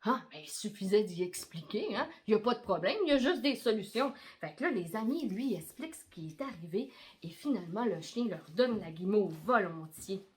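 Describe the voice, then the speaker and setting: A middle-aged woman with a Québécois accent improvising an Easter story with her daughter in a coaxing, animated way. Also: mid-range voice, fairly quick. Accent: Québécois French. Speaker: mother telling story.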